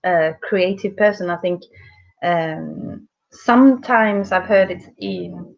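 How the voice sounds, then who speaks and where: A woman's voice: lowish voice, slow, creaky. Encouraging woman teacher on a dull call line. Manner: encouraging, chatty. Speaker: English teacher. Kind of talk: online English lesson.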